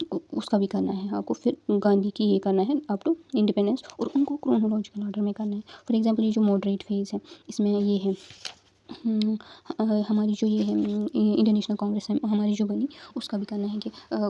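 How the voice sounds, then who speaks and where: A woman's voice: medium pitch, dark tone, dull audio. A young woman tutoring exam candidates in a casual study-guidance talk, explaining step by step with frequent fillers and check-ins.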